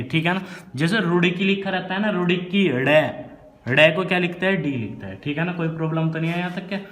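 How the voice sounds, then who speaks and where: Man tutoring, somewhat high voice, quizzes and repeats answers, asks "right?" often. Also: fairly bright tone, a little hiss or hum. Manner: adds frequent "right?" check-ins. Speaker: teacher. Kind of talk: spelling lesson to a student.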